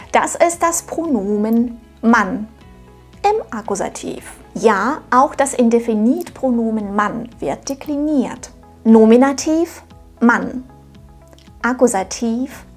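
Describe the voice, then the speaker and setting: Her voice is fairly high and husky. In her thirties and not a native German speaker, she hosts a German-teaching channel, presenting a scripted lesson to camera from her home studio, upbeat, encouraging and speaking directly to the viewer.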